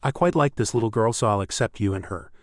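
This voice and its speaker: A man's voice: fairly low pitch, expressive, quick pace, no echo, studio quality, close to an everyday voice. A man reading the lines of a bold, scheming young woman leader in a story recap, in a teasing, blunt manner. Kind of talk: recap narration voicing characters.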